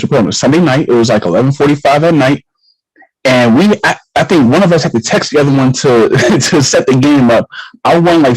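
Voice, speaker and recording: Male league show host, lively swooping delivery, dry close sound, slangy and repetitive. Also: mid-range voice, husky, no room sound, poor audio. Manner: animated, repeats words, slangy. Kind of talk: casual hype talk show.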